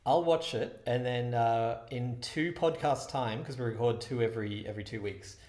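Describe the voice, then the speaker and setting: A man's voice: medium pitch, normal speed, a little mellow. Guy, podcast co-host, teasing and chatty, heavy big-hall echo from an empty hallway over a video call. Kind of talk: casual chat. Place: dark empty school hallway, indoors. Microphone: Skype video call.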